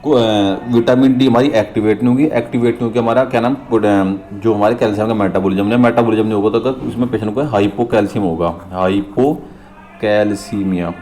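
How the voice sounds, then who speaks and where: A man tutoring for nursing exams. He reads English questions slowly and explains them in Hindi, repeating terms and often checking in with his viewers as friends. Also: on the low side, fairly even intonation, mellow, faint music behind. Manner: addresses viewers as friends, frequent "theek hai" check-ins. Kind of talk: exam question walkthrough.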